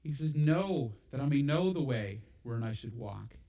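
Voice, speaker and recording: Lively, animated male preacher. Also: medium pitch, moderate pace, low-quality recording. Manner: animated, asks the congregation rhetorical questions. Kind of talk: sermon.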